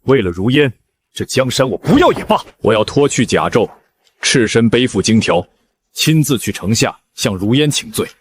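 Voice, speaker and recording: An actor playing a besotted, naive commander, solemn and melodramatic, in an animated drama. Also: male voice, medium pitch, normal speed, a little hiss or hum, lightly acted. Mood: devoted. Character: besotted, self-sacrificing, naive army commander. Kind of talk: dramatized animated-comic dubbing.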